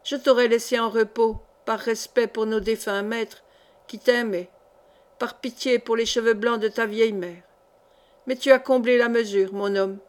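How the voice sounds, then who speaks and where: A woman reads a young peasant clog-maker turned fierce orator, his speech solemn and swelling into loud accusation, pitched a little high. He hammers his charges at a hushed crowd in a storybook reading. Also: steady tone, moderate pace, lightly acted. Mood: accusing.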